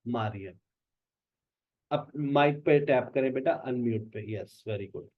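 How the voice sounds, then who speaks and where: A man's voice: mid-range voice, slow pace, phone-quality sound. A man teaching an online spoken English class, patiently explaining pronunciation and calling on students by name. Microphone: online class call.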